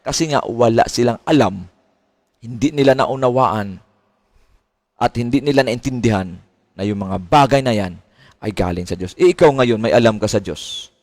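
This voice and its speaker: A man's voice: mid-range voice, moderate pace, pauses often, a little mellow, no room sound. A middle-aged man preaching a sermon as a pastor, asking questions and mimicking complaints. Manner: preaching with rising questions and mimicked complaints, mixing English phrases.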